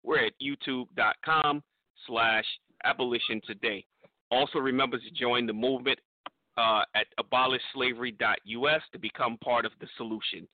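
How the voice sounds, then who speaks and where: Relaxed male radio host on phone. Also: mid-range voice, normal speed, no echo, phone-quality sound. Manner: relaxed, thanking, hesitant fillers. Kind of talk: radio show sign-off.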